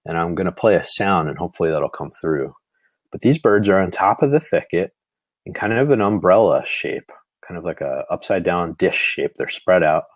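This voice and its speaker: A man's voice: low-pitched, no echo. A man giving a live-streamed lesson on bird behavior, explaining patiently with frequent "you know" fillers. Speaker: nature instructor.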